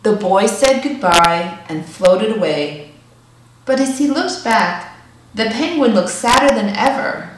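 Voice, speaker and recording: A woman reading a children's picture book aloud, with expressive, deliberate storybook phrasing. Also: medium pitch. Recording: echoey room, distant microphone.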